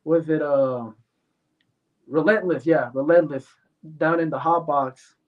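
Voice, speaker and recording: This Mexican-born MMA fighter, a male interview guest, responds bluntly and confidently, leaning heavily on fillers. His voice is a little high, his tone steady, his pace measured. The audio is tinny, phone-like, and distant.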